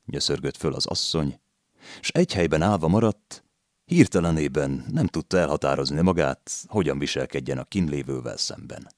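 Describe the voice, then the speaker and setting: A deep, low male voice reads a novel aloud at a measured storytelling pace. The sound is dry and very close, with no room around it. It is a plain, steady audiobook narration. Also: dry recording. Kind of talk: literary audiobook reading.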